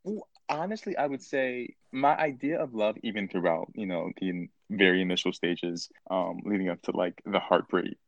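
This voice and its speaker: A young man in his twenties telling a story as a podcast guest, lively and playful, his voice jumping sharply higher whenever he stresses a point. His speaking voice sits on the lower side, and the recording is close and dry. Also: moderate pace, vocal fry, no echo, highs cut off. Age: 20s. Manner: animated and playful, jumping into a high voice for emphasis. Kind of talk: casual chat.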